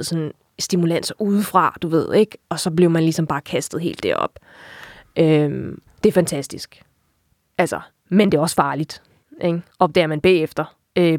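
A woman's voice: on the low side, darkish tone, no room sound, studio quality. A young adult woman giving a candid, reflective personal account in an interview, with frequent filler tags.

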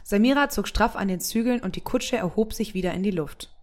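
Woman gently reading a story. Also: mid-range voice, a little fast. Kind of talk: Christmas story read aloud.

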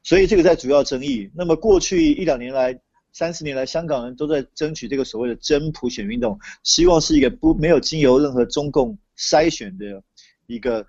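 Male commentator, Taiwanese Mandarin accent, creaky and husky, explaining conversationally on a lo-fi call. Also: fairly high pitch, animated, a little fast, darkish tone, no room sound. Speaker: interview guest, political commentator. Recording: dull lo-fi remote call audio.

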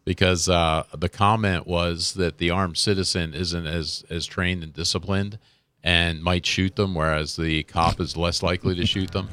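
A man with a very deep voice in a dry, close studio sound. He talks off the cuff like a radio product reviewer, rambling and hesitating as he goes. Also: steady tone, normal speed, fairly bright tone, no echo. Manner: hesitant, rambling, self-correcting. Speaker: radio show gear reviewer. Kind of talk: unscripted product review chat.

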